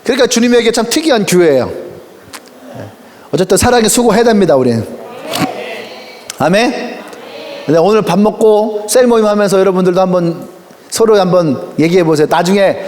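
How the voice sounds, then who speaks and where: A male pastor delivers a sermon in a high, bouncing voice that swoops up and down. He tells stories playfully, acting out quoted voices and laughing often. The sound carries a long reverb from a large auditorium. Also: darkish tone.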